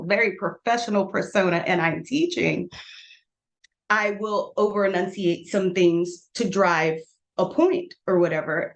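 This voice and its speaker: A middle-aged woman with a slightly low voice talks casually on a podcast. She tells stories with energy, acts out what others said, and laughs often. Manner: animated storyteller who acts out quotes and laughs often. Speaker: guest.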